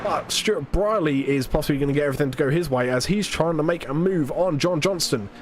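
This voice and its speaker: This is a high-leaning male voice with background noise: a British man alone commentating a live sim race. He sounds a bit congested from hay fever and keeps up a chatty, self-deprecating, filler-laden play-by-play at a quick clip.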